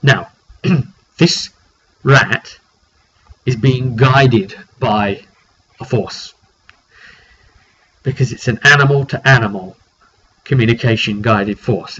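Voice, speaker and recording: Acting as game master, a man informally recaps a tabletop roleplaying session, thinking aloud and repeating words as he goes. His medium-pitched voice has a fairly bright tone, and the dull recording carries faint background noise.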